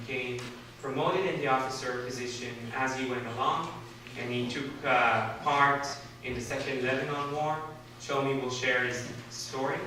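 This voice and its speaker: A man's voice: mid-range voice, bright, forceful tone, a little hiss or hum. A man hosting an evening event, earnestly introducing the next speaker with slight hesitations. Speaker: event host. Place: large hall. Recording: very echoey hall from far off.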